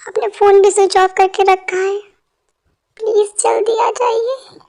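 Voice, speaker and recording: A woman's voice: very high voice, monotone, normal speed, a little mellow. A woman dubbing a frightened young wife who pleads for her husband to come home. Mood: anxious. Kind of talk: fan dubbing.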